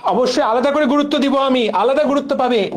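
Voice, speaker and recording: A man's voice: extremely high pitch, a little fast. Young man lecturing with playful mnemonics. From Bangladesh. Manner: playful, drills mnemonics with repetition. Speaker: biology lecturer. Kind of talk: exam-prep class lecture.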